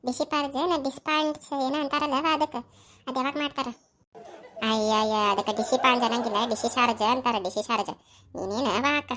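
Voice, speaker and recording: A woman's voice: high-pitched, fairly even intonation, fairly quick, background noise. A woman with a North Karnataka accent voicing chattering, fussing village women in a comedy cartoon. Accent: North Karnataka Kannada.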